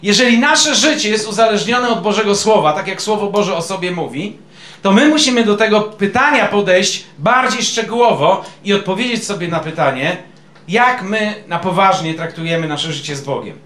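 A man's voice: high-pitched, expressive, normal speed, fairly bright tone. A male pastor preaching a sermon in a conversational way, quizzing his congregation with questions. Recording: echoey room.

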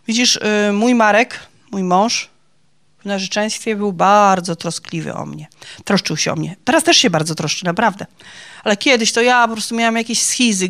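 A woman giving a personal faith testimony to a group of women, chatty and confiding, laughing at her own stories. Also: a little high. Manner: chatty and confiding, ends phrases with "nie?".

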